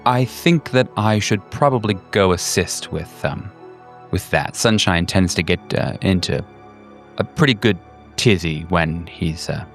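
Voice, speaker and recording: Man voicing a kindly, hesitant low-voiced woman. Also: a little slow, faint music behind. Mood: friendly, hesitant. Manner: friendly, hesitant. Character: kindly, straight-shooting female hospital acquaintance. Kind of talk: tabletop role-play.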